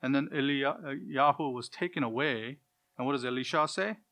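A man preaching an expository Bible lesson, stressing key words loudly and dropping to quiet asides, with Hebrew pronunciations of names. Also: medium pitch, normal speed. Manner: emphatic, swings from loud stresses to quiet asides.

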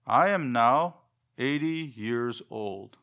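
A man whose first language is Korean, preaching an expository sermon in church with a measured, deliberate delivery and rhetorical questions. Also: medium pitch, animated, a bit bright. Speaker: pastor. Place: church sanctuary.

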